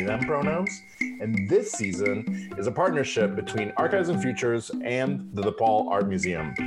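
A man from Mexico hosting a podcast interview, talking in a casual, candid way with fillers and the odd swear word. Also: mid-range voice. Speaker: podcast host.

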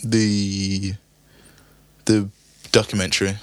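A man speaks in a fairly low voice, recorded very dry. He chats casually and slangily as a co-host, chipping in with remarks. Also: completely flat delivery, slow pace, smooth, dry recording. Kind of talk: casual chat.

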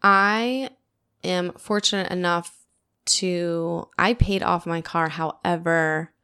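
A woman in her late twenties hosting a casual podcast, chatting in an animated way with lots of "like" fillers. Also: on the low side, takes it slowly, smooth. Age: 20s. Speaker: podcast host.

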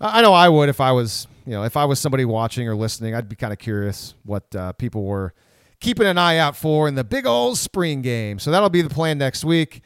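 A man's voice: medium pitch, very animated, fairly quick, smooth, dry recording, clean studio sound. A man co-hosting a casual sports podcast, rambling with frequent restarts. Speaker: podcast co-host.

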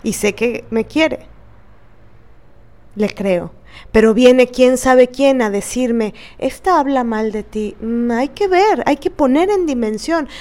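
A Mexican-accented woman hosts a reflective podcast, speaking earnestly and with emphasis while often posing questions to herself and to others. Her voice is a little high and a little mellow, animated but slow-paced.

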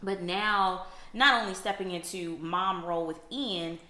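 A woman with a bright, forceful voice tells her story with lots of animation, turning to speak directly to her listeners. She sounds like she is in an echoey room, the sound bouncing around her. The tone is a candid couple chat. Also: lowish voice, steady tone, a little slow. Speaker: co-host.

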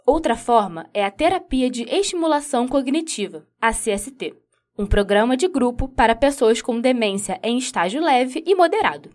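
A woman news reporter, reading a scripted report in a measured, even way. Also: on the high side.

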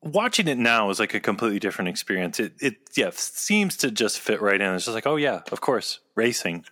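Bright-voiced man in casual chat. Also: lowish voice, big pitch swings, quick pace. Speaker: podcast co-host. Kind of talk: casual chat, pop-culture discussion.

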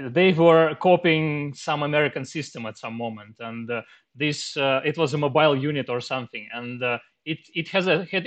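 A man in casual chat, halting and pausing often as he tells a story. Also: medium pitch. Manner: halting, many uh fillers. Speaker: podcast host.

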